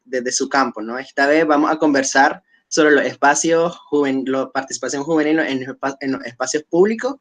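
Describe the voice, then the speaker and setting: A man with a somewhat high voice hosts an online webinar panel. He talks in a measured, hesitant way, restarting his phrases and filling pauses. He is speaking over a video call. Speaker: webinar host.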